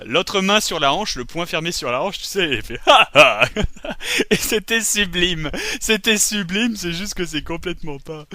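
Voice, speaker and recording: A man's voice: on the high side, no room sound. Giggly man flubbing his lines. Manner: giggly, stumbling over lines, swearing, bursts of shouting. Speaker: comedy show host. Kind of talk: bloopers from recording a comedy show.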